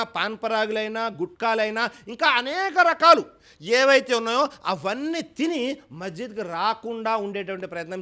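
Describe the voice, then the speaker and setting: High, bright-voiced Telugu preacher man. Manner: earnest exhortation, addressing listeners as brothers. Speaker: Islamic preacher. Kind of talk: sermon.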